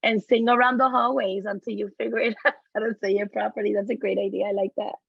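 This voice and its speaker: A woman educator speaks warmly encouraging words to an online session, often restarting her phrases. Her voice has a strong gravelly fry, and the call audio is dry and a bit dull. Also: mid-range voice, level tone, fast talker, no room sound. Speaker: educator, presenter.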